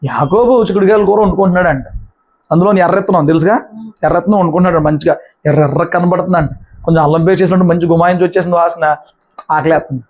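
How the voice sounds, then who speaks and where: Male pastor with a high voice, emphatic colloquial sermon. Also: fairly even intonation, very fast, darkish tone. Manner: emphatic, colloquial, acts out the brothers' lines.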